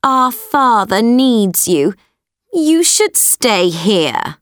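A woman's voice: on the high side, very animated, extremely slow, no room sound, studio quality, exaggerated voice. Woman doing selfish coaxing sisters. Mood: insistent. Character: selfish scheming older sisters.

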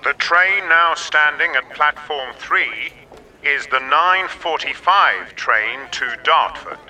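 A man announcing a train and slowly listing its stops in a formal, even way. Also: fairly high pitch, recorded from a distance, low-quality recording. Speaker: station announcer. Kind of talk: scripted public announcement.

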